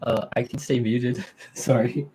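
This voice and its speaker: A man's voice: medium pitch, fairly even intonation, a little slow, noisy background. A man chatting on a remote call, a little hesitant, his audio choppy and breaking up. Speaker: podcast panelist. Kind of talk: casual chat on a remote call.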